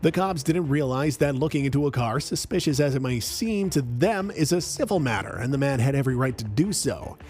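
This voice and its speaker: A man narrating a scripted account in an even, measured storytelling manner. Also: medium pitch.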